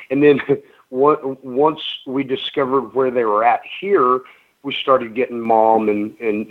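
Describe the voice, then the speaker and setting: Chatty man on a phone-thin line. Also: medium pitch. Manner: rambling, many ums and restarts, chatty. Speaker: guest, pro wrestler. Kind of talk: casual radio interview storytelling. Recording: narrow phone-like radio sound.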